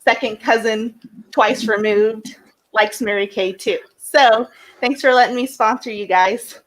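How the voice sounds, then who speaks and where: A woman giving a casual sales pitch as a sponsor, hesitant with frequent ums. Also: fairly even intonation, unhurried. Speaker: sponsor, beauty consultant.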